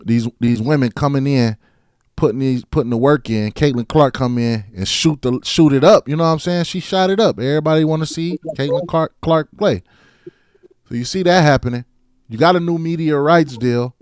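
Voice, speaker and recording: A man's voice: on the high side, moderate pace, a little mellow, clear, resonant tone, no echo, studio quality. A man co-hosting a sports podcast in loose, casual talk, often repeating words and asking "you know what I'm saying". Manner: restarts and repeats words mid-thought. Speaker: podcast co-host.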